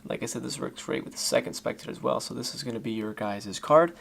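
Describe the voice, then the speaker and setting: Creaky-voiced man doing casual card magician patter. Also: medium pitch, fast talker, fairly bright tone. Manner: informal, loosely improvised, addresses viewers as guys. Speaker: magic trick instructor. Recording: faint background noise.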